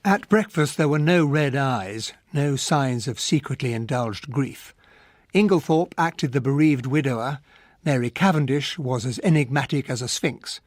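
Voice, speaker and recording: An actor playing a loyal, earnest English gentleman captain with an upper-class accent, acting and narrating in a radio drama. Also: mid-range voice, moderate pace, no room sound, clean studio sound, natural voice. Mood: reflective narration.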